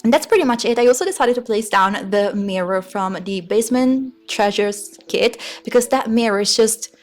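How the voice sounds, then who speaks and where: A Sims speed build creator, a woman whose first language is Italian and who speaks with an Italian accent, records casual voice-over commentary for a game build video. Her voice is a little high and her pace moderate, and she rambles hesitantly, often searching for words. Soft music plays faintly behind her.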